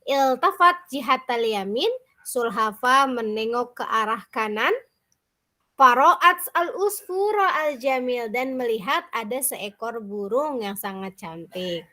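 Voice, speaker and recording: Woman teacher, slow, bright voice, self-correcting story reading. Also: on the high side, animated. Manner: explains slowly, corrects herself. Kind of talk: reading a story aloud in a lesson.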